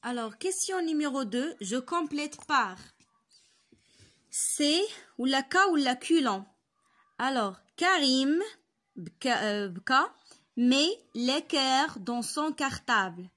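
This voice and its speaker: Young Moroccan woman tutor in her twenties, slightly high voice, slow read-alouds, quick asides. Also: animated, a bit bright. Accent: Moroccan Arabic. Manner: reads French sentences slowly, then explains them in quick Darija. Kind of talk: online French lesson explained in Darija.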